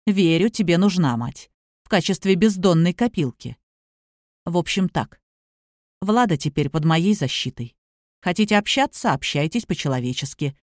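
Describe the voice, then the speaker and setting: A woman voicing a quiet, commanding protective man. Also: fairly low pitch, animated, moderate pace, dry recording, studio quality, lightly acted. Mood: stern. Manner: quiet but authoritative, level. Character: calm, commanding younger man, protective suitor.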